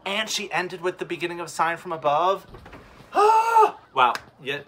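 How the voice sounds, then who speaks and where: A man's voice: on the high side, moderate pace, pushed and bright. A young man, a drag queen host, giving casual reaction commentary in a campy, effusive manner full of exclamations. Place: indoor room set with sequin curtain. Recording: music playing behind the voice. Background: music.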